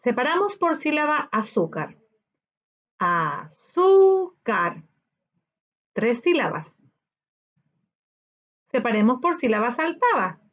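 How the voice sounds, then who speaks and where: A woman teacher with a Chilean Spanish accent, giving a recorded lesson and sounding out syllables slowly. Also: a little high, big pitch swings, fairly bright tone, highs cut off. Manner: slow, sounds out syllables in a drawn-out voice.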